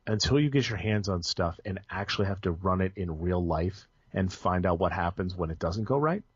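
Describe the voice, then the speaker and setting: Dull, dry, lo-fi podcast audio captures a young male guest rambling casually about his IT work in a conversational interview, full of ums, restarts, and self-corrections. His voice sits low with a breathy edge and lively intonation, moving at a moderate pace with no room sound.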